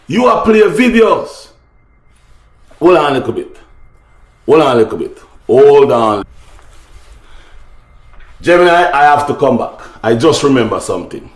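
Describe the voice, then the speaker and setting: With a fairly high pitch and a roomy sound, this man hosts casual opinion talk for his viewers online. He has a Jamaican accent, and he makes his points emphatically while going back over the same phrases.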